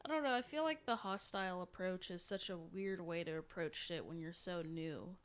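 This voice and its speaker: A woman's voice: on the low side, normal speed, smooth. A young woman co-hosting a podcast, chatting casually with dry, blunt quips. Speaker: podcast co-host. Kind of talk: casual chat.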